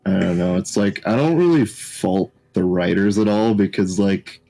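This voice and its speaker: A young man co-hosting a casual podcast chat, talking in a halting, reflective way. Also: low voice, creaky, warm tone, soft background music, low-quality recording. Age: young adult. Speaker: podcast co-host.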